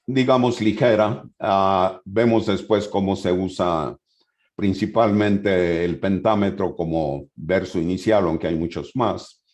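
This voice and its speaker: Man, very low voice, conference lecturer, reads from notes, hesitant asides. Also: a little mellow. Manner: reads from an appendix then explains loosely with hesitations. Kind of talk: conference talk reading from notes.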